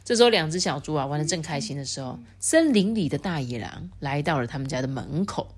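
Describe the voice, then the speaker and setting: A woman reading a storybook aloud to her child, lively and chatty, stopping to explain the story. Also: low voice, fast talker, slight background noise.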